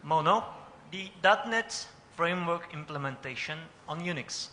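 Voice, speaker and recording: A man in a conference audience puts a question to the speaker in careful, non-native English. His voice is high and bright, and the large hall gives it a long reverb with faint ambience underneath. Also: animated, normal speed, slight background noise. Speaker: audience member asking a question. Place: lecture hall.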